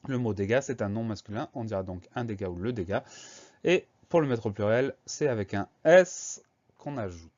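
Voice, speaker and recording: A man's voice: lowish voice, animated, moderate pace, a little mellow, lo-fi sound. A man teaching a spelling lesson, patiently spelling words out letter by letter.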